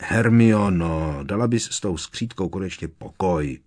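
A man's voice: sits low, a little mellow. A man voicing a blunt teenage wizard boy who talks emphatically and scoffs at others. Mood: emphatic.

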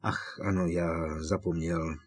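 Audiobook: an earnest teen boy pressing his point, quiet but unyielding, voiced by a man. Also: medium pitch, expressive, no room sound, studio quality, lightly acted. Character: teenage boy wizard, grim, insistent.

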